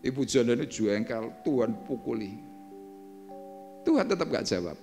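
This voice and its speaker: A male pastor preaching a sermon and telling a story dramatically, swinging between hushed and emphatic lines. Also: mid-range voice, animated, normal speed. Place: church service hall. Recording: echoey church hall with faint music.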